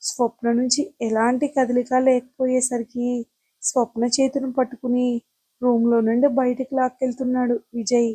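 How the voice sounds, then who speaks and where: A woman narrating a romantic novel aloud as an audio story, in a steady, expressive storytelling manner. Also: fairly high pitch, moderate pace, husky, no echo.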